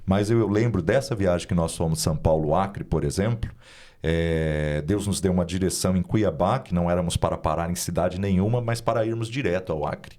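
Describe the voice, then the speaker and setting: Male pastor, low voice, earnest storyteller in an interview. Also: brisk, a little mellow. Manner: earnest, narrative, with many "né?" tags. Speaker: pastor and guest speaker.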